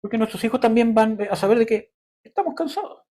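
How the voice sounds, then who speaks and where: A young man preaching a sermon in a conversational way, often pausing with fillers. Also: extremely high pitch, expressive, warm tone. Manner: conversational preaching, frequent "¿cómo se llama?" fillers.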